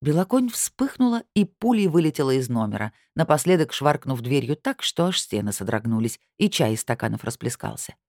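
A woman reading a novel aloud in the first person, with an expressive, lively delivery. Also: very deep voice, fairly quick, few pauses, dry recording, clean studio sound. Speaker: audiobook narrator. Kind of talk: first-person audiobook narration.

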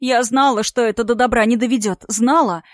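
A woman's voice: fairly high pitch, steady tone, a little fast, no echo, clean studio sound, voice pushed up, close to an everyday voice. A woman voicing a tearful, distraught young woman who sobs and pleads with a trembling voice in an audiobook story. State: crying. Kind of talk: audiobook character voice.

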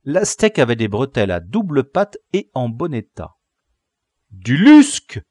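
A man reading a classic novel aloud as an audiobook narrator, measured and expressive. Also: mid-range voice, dry recording, studio quality. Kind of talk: scripted narration.

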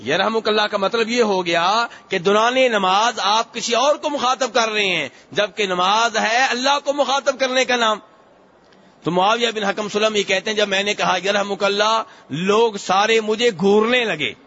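A male preacher giving a hadith lesson who repeats phrases to explain them and recites Arabic slowly before translating it. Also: high voice, sharp tone, muffled recording. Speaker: Islamic preacher.

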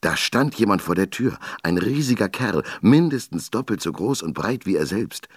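Deep, lively male storybook narrator. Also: normal speed, breathy edge, dry recording, clean studio sound. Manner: lively, expressive reading voice.

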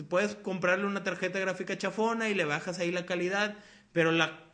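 A young Mexican man hosts a casual podcast chat, his voice sitting a little high for a man. He rambles loosely and drops slang and swear words as he goes. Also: fairly bright tone. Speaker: podcast host.

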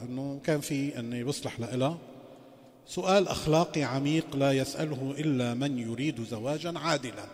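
A man giving a religious lecture as a sheikh. He poses rhetorical questions and moves between formal phrasing and colloquial asides. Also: medium pitch. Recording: long reverberant hall.

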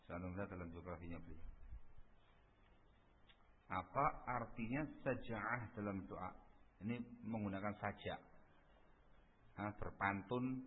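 A man teaching a religious study lesson with a husky voice, emphatic and repeating key phrases. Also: low voice, slight background noise. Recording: phone-like radio stream with long reverb.

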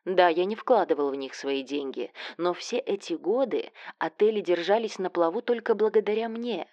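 A woman reads as a weary middle-aged father who holds his ground with calm, tired sighs. The voice is fairly low and close. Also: normal speed, no echo, muffled recording, close to an everyday voice. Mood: stubborn.

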